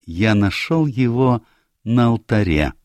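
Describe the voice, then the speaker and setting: A man's voice: medium pitch, lively intonation, takes it slowly, a little mellow, no room sound, voice pushed up. A man voicing a commanding, self-assured older detective in a read-aloud story, precise in manner. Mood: explaining. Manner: authoritative, precise.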